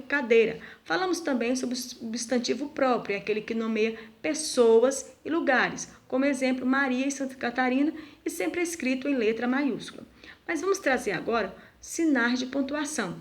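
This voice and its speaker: Higher-voiced woman teaching slowly. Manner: slow, deliberate, asks pupils rhetorical questions. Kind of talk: recorded video lesson for schoolchildren.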